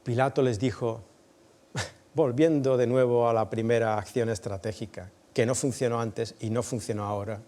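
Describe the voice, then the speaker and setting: Expressive preacher. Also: male voice, medium pitch, normal speed. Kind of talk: dramatic storytelling sermon.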